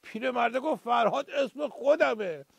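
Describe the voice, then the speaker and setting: Male sketch comic: high, husky, gravelly, pompous know-it-all, dry studio read. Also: lively intonation, no echo. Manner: pompous, folksy storyteller with sayings. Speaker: comic "doctor" character answering questions. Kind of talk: political satire radio sketch.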